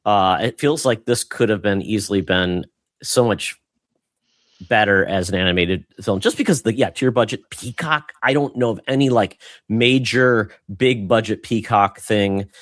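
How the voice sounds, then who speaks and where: A man's voice: fairly low pitch, moderate pace, fairly bright tone, dry recording, clean studio sound. A man hosting a podcast, chatting casually with loose, filler-heavy talk. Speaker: podcast host. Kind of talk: casual chat.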